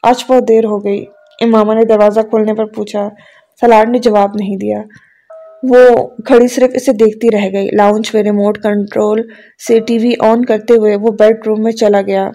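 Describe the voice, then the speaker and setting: A woman reading a novel aloud in a measured, dramatic storytelling way. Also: medium pitch, flat delivery. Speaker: novel reader. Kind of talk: scripted narration. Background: soft background music.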